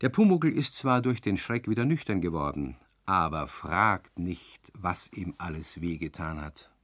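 Ein Mann erzählt ruhig und gleichmäßig eine Hörspielgeschichte. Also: male voice, deep voice, a little slow, no echo. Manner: calm, storytelling. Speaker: narrator. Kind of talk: scripted radio play narration.

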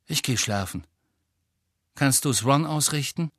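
A man with a husky voice reads a brooding teenage schoolboy in an audiobook, low and muttering. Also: expressive, a little slow, no echo, studio quality. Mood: curt. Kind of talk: audiobook character voice.

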